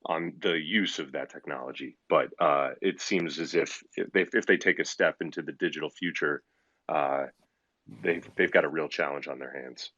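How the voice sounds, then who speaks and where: Deep bright-toned man on a dull line. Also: moderate pace, dry recording. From United States. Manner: polite, articulate, slightly hesitant. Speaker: listener joining with a question. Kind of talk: casual discussion.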